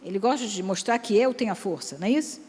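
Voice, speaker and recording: A woman's voice: mid-range voice, quick pace, darkish tone, breathy edge. A woman preaching at a family conference in a church, mixing teaching with jokes and acted-out quotes. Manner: humorous, acts out quoted voices. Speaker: church speaker. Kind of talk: sermon with jokes. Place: large church hall. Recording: church hall reverb.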